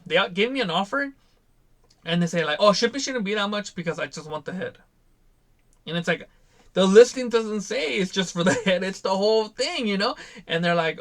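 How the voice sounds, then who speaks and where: Young adult man, casual vlog host, exasperated, slightly high voice, lively quoted asides. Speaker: toy seller and channel host.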